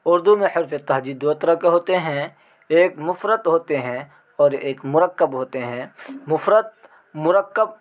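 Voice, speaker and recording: Man teaching a grammar lesson. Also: a little high. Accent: Indian Urdu. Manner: explains step by step, recites letters one by one, asks the class questions. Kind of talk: exam prep grammar lesson.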